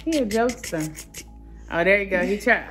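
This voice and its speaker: A woman's voice: medium pitch, lively intonation, moderate pace, fairly bright tone. A woman co-hosting a family vlog at home, fondly narrating what her baby is doing. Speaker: vlog co-host. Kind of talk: casual family vlog chat. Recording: echoey room with faint music.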